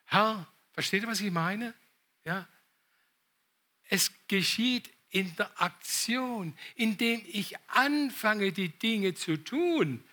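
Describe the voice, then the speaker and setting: A man's voice: high voice, lively intonation, slow, bright, forceful tone. A middle-aged man preaching a sermon, telling personal stories and asking the congregation rhetorical questions.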